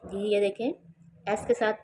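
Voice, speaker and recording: A woman teaching a children's English lesson, reading English lines slowly and explaining each step with repeated words. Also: mid-range voice, steady tone, warm tone, rough recording. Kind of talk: home tutoring lesson.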